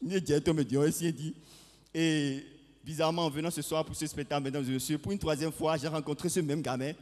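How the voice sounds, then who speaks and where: A man's voice: fairly high pitch, fast talker. A young man doing stand-up comedy, telling a story and acting out the dialogue. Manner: animated storytelling, acts out dialogue, addresses audience. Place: large hall with audience. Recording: live hall with long reverb.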